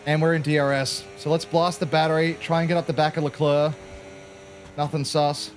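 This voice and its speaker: A man's voice: on the high side, little pitch movement, fairly quick, a little hiss or hum. Chatty Australian man commentating a race game. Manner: chatty, jokey, peppered with "mate". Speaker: gaming channel host. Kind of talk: casual gameplay commentary.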